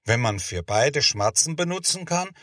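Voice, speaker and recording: A man's voice: mid-range voice, very animated, normal speed, a bit bright, no echo, clean studio sound, voice pushed up. A man voicing a cheeky, outspoken schoolboy in a storybook reading, insistent and blunt. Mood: indignant.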